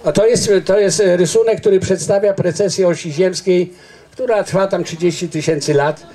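Older man lecturing, high-pitched voice. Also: fairly even intonation, normal speed, mellow. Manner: earnest, digressive explaining with frequent restarts. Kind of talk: informal public lecture. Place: outdoors under a garden tent. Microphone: handheld microphone.

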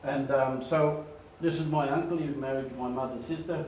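An older man speaks briskly at an average pitch while telling stories in a lively slide presentation from a lectern. He gestures and acts out the voices he quotes. A camera across the echoey meeting room captures him, along with faint ambience and a little hiss or hum.

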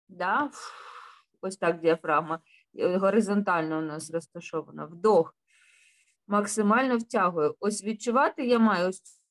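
A woman vocal teacher leading a children's singing lesson, patient and encouraging, using diminutives and checking in with a questioning "right?". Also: mid-range voice.

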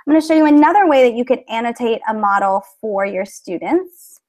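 A woman's voice: on the high side, lively intonation, a little fast, darkish tone. A woman teacher presenting to fellow educators over a video call, explaining her methods in a friendly way with many fillers. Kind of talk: conference presentation with screen share.

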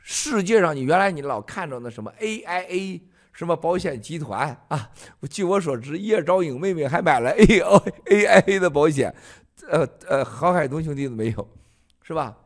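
Animated man ranting on a livestream. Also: on the high side, moderate pace. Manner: ranting, mocking, emphatic. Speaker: livestream host. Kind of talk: political livestream monologue.

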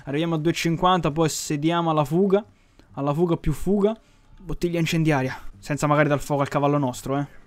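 Excitable high-voiced man gaming. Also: fast talker, soft background music. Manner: swearing, excitable, shouts and taunts. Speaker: gaming channel host. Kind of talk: casual gameplay commentary.

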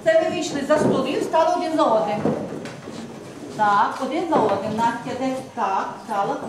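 Female kindergarten teacher from Ukraine, coaxing and animated, distant mic in a reverberant room with background noise. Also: high-pitched. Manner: lively, coaxing, slow and drawn out when demonstrating. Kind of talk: classroom lesson with small children. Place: kindergarten classroom. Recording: echoey classroom from far off, noisy.

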